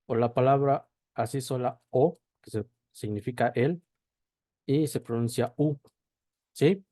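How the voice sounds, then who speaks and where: Male teacher, unhurried, warm low tone, keeps asking "¿sí?". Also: no room sound. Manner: checks in with a constant "¿sí?" after each point; spells out sounds slowly, one at a time. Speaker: language teacher. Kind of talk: slow classroom explanation.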